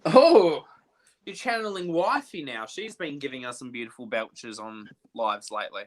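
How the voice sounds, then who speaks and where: A young man hosting a casual makeup livestream, chatty and animated, quick to laugh. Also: mid-range voice.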